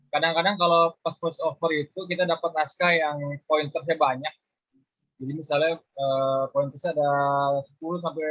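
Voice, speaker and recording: A man's voice: on the high side, dry recording. A man, a webinar participant, asking a hesitant question about voice-over intonation. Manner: hesitant, searching for words. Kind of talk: casual question on a call. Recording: dull online call audio.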